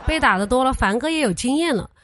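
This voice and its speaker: A fast-talking young woman with a voice that sits high hosts a comedy podcast. She trades in playful jokes and anecdotes, teasing her way through them and acting out everyone she quotes.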